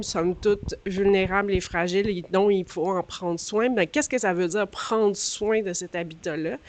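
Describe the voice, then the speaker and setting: A woman with a Quebec French accent and a slightly grating, allergy-scratched voice, speaking as a guest at a conference. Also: medium pitch. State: voice strained by allergies. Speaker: guest speaker, director of a workforce organisation. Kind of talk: conference talk.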